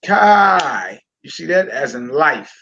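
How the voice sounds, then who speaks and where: A man leads a Hebrew reading lesson at an unhurried pace, repeating words and praising his student. His voice is bright but husky. The sound is dull and lo-fi. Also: on the high side, big pitch swings. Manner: encouraging, repeats phrases. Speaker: teacher.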